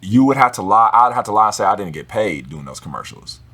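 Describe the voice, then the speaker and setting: A man talking as a guest in a relaxed, casual conversation, slangy and swearing freely. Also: fairly low pitch, quick pace, slightly rough. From Los Angeles area.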